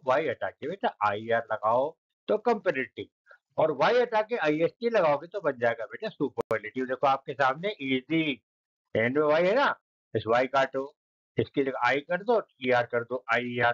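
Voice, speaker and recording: A man teaching a grammar lesson, who keeps calling his students "beta" and repeats and spells out each word slowly. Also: mid-range voice, a bit bright, muffled recording.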